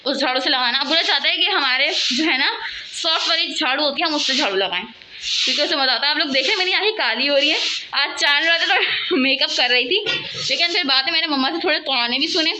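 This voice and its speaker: Chatty woman vlogger at home, high bright voice, talking loud to her viewers. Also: quick pace. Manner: chatty, rambling, talks to viewers as guys; speaking loudly over household noise. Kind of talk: casual home vlog chat. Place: at home, cooking and sweeping nearby.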